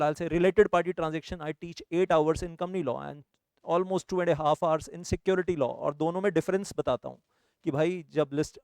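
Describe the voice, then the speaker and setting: An Indian man speaking to his students in an earnest, persuading tone as he promotes his courses, mixing Hindi and English as he goes. His voice is a little high, smooth and clear. It is recorded close and dry, with almost no room sound. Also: a little mellow, no room sound. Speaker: CS coaching teacher.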